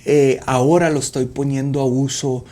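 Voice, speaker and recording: A man in his forties giving an earnest, halting personal faith testimony as a podcast guest, with frequent fillers. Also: mid-range voice, flat delivery, mellow. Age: 40s. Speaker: podcast guest, youth minister.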